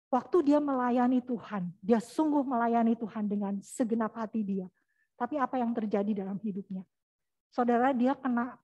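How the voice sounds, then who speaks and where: High-voiced animated woman preacher. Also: muffled recording. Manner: animated, addresses the congregation directly. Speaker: evangelist preacher. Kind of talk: storytelling sermon.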